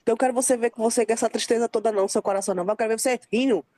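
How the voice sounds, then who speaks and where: Woman telling a lively testimony. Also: a little high, very fast, no echo. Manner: lively storytelling, acting out quoted dialogue. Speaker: participant sharing a testimony. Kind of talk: emotional faith testimony in a group call.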